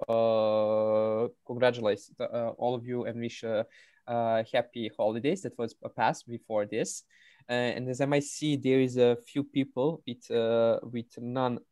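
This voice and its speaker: A man, a native Serbian speaker, hosting an online meetup and introducing a speaker, halting with many fillers. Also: medium pitch, darkish tone, no echo. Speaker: meetup host. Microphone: video call.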